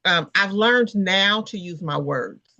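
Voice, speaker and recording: A woman co-hosting a podcast in casual chat, pausing often with fillers and restarts. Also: mid-range voice, lively intonation, sharp tone, no echo, dull audio. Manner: halting, many restarts and fillers. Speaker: podcast co-host.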